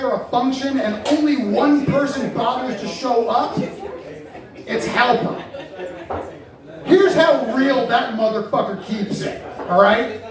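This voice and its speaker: Male comic, wry roast toast, unhurried, mic far off in an echoey hall full of laughter. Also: extremely high pitch. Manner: wry, teasing, playful sound effects. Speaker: comedian roasting colleagues.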